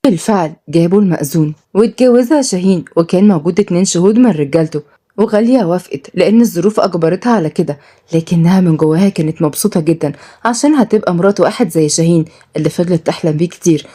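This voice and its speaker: A woman's voice: fairly low pitch, rapid-fire, dark tone. A woman with an Egyptian accent narrating a dramatic story. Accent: Egyptian Arabic.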